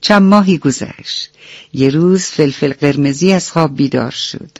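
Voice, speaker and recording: A woman's voice: sits low, darkish tone, no room sound. Woman storyteller, bedtime tale for kids, tender, dry studio, dull lo-fi radio sound. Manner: tender, addresses listeners as dear children. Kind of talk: bedtime story narration for children.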